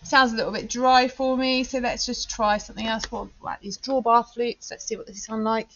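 An English woman and music teacher talks through a software tutorial step by step, thinking aloud with fillers. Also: on the high side, little pitch movement, brisk, muffled recording. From England. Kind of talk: screen-recorded software tutorial.

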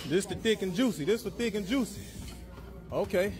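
Filming with a handheld phone in a large indoor gym, a man in his forties hypes up lifters, chanting catchphrases and counting reps. He speaks at normal speed in a high-pitched voice, with loud music in the background.

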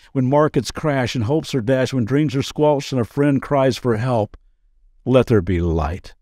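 A man's voice: medium pitch, warm tone, dry recording, clean studio sound. A man pastor giving a daily devotional podcast talk in an earnest, conversational way, with playful asides.

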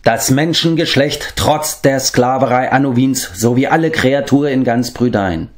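A man's voice: medium pitch, expressive, darkish tone, lightly acted. A man doing Medwin, a stately old keeper of beasts. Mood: commanding. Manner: measured, stately storybook speech. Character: wise old man, keeper of animals, grave.

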